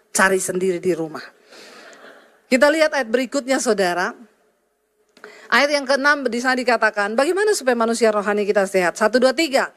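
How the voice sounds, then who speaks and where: A woman pastor preaching a sermon, telling a story and acting out the dialogue with emphatic preaching. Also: medium pitch.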